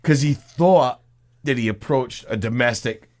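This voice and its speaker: A man's voice: mid-range voice, measured pace. A man co-hosting a podcast, telling stories in casual chat and laughing often. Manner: animated storyteller, laughs often. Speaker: podcast co-host.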